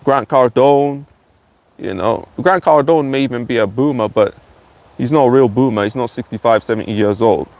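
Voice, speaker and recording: A man's voice: medium pitch, moderate pace, a little mellow, highs cut off. A channel host giving a blunt, insulting ranting monologue and repeating his phrases.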